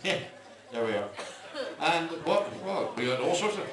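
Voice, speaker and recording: Heavy background noise surrounds an older man doing live stand-up, his slightly high voice sing-song at a moderate pace as he tells dry one-liners with wandering asides. The echoey venue, distant mic, and loudly laughing audience are all audible.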